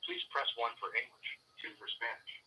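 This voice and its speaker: A man's recorded voice on an automated phone menu, heard through a phone line, announcing calmly and formally. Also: brisk. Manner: calm, even, formal announcing. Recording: distant phone line with faint hiss.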